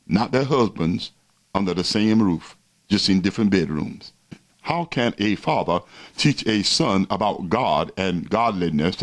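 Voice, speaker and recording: Male preacher, fairly low register, zealous and stern, delivering emphatic fire-and-brimstone moral warnings.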